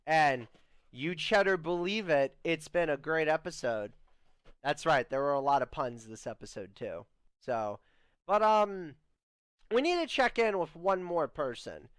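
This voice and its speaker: A young man hosts a comedy skit, speaking slowly in a clear, smooth voice. He stammers and restarts his sentences often. The sound is close and dry, with no room around it. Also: a little high, animated, a bit bright, no room sound. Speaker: host. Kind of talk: comedic scripted podcast skit.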